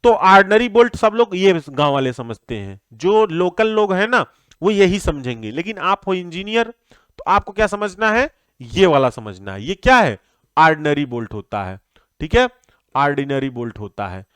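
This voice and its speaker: High, clear-voiced male engineering teacher. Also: very animated, moderate pace, a bit bright, no echo. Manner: repeats key terms, asks and answers his own questions. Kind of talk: classroom lecture.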